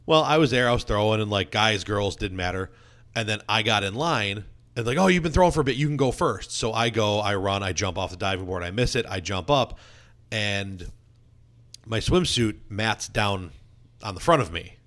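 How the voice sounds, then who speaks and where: A man's voice: fairly low pitch, normal speed, a bit bright. A young man telling self-deprecating stories in a casual chat, with many restarts and laughs.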